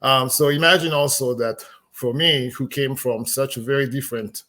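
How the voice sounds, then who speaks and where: A man's voice: mid-range voice, steady tone, moderate pace, pushed and bright. A middle-aged man from Ivory Coast and France, talking unhurriedly as a guest in a casual conversation, with many fillers.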